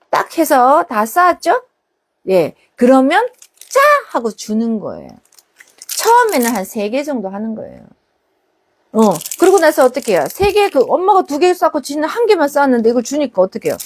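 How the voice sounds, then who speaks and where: A woman, a parenting counselor, answering viewers' questions on a live stream and acting out exchanges between parents and children. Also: high voice.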